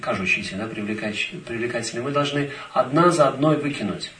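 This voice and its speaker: A man interpreting a talk phrase by phrase, quickly following each line. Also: medium pitch, a bit bright, slight background noise. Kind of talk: consecutive interpreting. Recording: echoey hall, distant mic.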